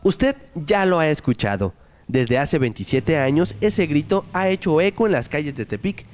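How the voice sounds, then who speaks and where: A man reading a scripted news feature in an upbeat, clear voice. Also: on the high side, expressive, normal speed, a little mellow. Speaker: news reporter.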